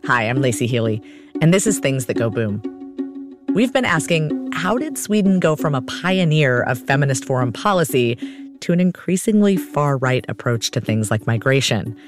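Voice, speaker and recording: A woman narrates her podcast from a script. Her delivery is clear and measured, and music plays plainly underneath her voice. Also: rumbling low. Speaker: podcast host.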